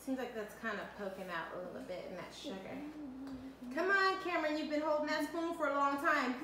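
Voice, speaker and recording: A woman's voice: sits high, animated, a little fast. A woman in her thirties leading a home cooking demo with her kids, upbeat and coaching them step by step, recorded in an echoey kitchen with faint background noise. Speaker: mother leading a kids' cooking segment. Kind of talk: home cooking demonstration with children. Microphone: camera mic from a few feet away.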